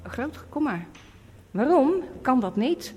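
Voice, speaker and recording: Female preacher, slightly high pitch, emphatic and repetitive, long hall reverb. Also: sing-song, slow pace, a little mellow, slightly rough. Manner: emphatic, repeats warnings. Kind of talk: sermon. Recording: echoey hall.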